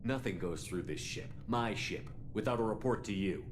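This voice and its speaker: A man's voice: lowish voice, lively intonation, moderate pace, background noise, natural voice. An actor playing a stern male starship commander in a video game who gives firm, clipped orders. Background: game music.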